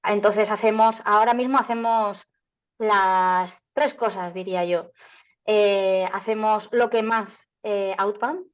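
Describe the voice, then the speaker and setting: A woman's voice: medium pitch, fairly even intonation, takes it slowly. A woman, a marketing agency founder from Canada, answering interview questions in a chatty way with many fillers and restarts. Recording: slightly dull lo-fi sound.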